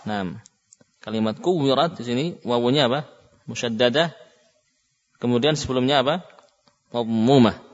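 A man teaching Quran recitation to a class. He chants example words slowly for the students to repeat, then explains patiently with frequent "ya" and "nah". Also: mid-range voice. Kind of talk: classroom instruction with call-and-repeat. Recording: dull lo-fi recording in a reverberant hall.

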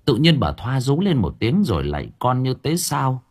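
A man reading a horror story aloud as an audiobook narrator, in expressive storytelling style. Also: medium pitch, moderate pace, noisy background.

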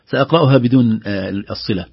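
A middle-aged man teaching the rules of Quran recitation, patiently explaining and demonstrating words slowly and more loudly. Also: mid-range voice, breathy edge, no echo, lo-fi sound.

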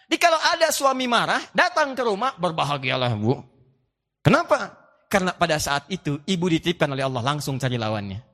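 A male preacher with a high, lively voice delivers a sermon in a big hall, and the long reverb trails each phrase. He plays out small scenes from home life and recites Quranic Arabic between his points. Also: fast.

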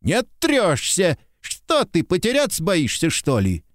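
A man voicing an irritable, sharp-tongued soldier who scolds curtly and sarcastically in an audiobook. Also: high-pitched, wildly swooping pitch, slow, dry recording, clean studio sound, voice pushed up, heavily acted. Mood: scolding. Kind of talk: audiobook character reading.

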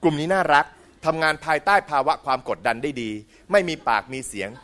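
A middle-aged man giving a humorous dharma talk in a school hall. He is animated, mimics voices for comic effect and keeps asking the audience questions. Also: a little high, quick pace. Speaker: Buddhist lecturer.

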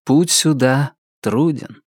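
An ancient angel from an audiobook speaks slowly and solemnly, played by a male reader. His tone is gentle and wistful, a little higher than the narration. The sound is dry and close. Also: dry recording. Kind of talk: audiobook character voice.

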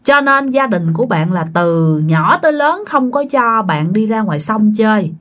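Woman, chatty ghost story, talks right to you, mid pitch. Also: animated, moderate pace, a bit bright. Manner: chatty, addresses listeners directly. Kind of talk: casual spoken ghost story.

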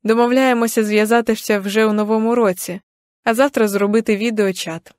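A young adult woman narrating an audiobook in the first person, with even, gentle storytelling. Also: on the high side, brisk, no echo, clean studio sound.

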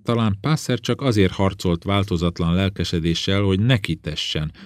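Man reading a novel aloud, very deep voice, dry close sound, calm. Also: no echo. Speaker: audiobook narrator. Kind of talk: scripted narration.

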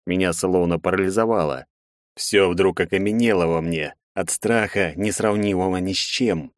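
A man reading a first-person audiobook in a measured, expressive way. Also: sits low, dry recording, clean studio sound. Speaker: audiobook narrator.

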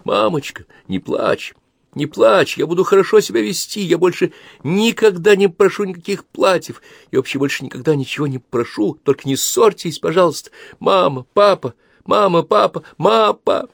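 A man's voice: high-pitched, very animated, slow, creaky, dry recording, studio quality, pitched above the performer's own voice, heavily acted. A man doing a whiny little girl. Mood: pleading. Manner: whiny, pleading. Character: six-year-old girl, spoiled and tearful.

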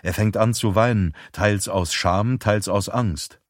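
Low-voiced male audiobook narrator. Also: unhurried, dry recording, clean studio sound. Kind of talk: scripted narration.

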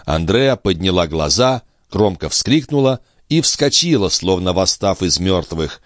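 Expressive male audiobook narrator. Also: deep voice, measured pace, dry recording, clean studio sound.

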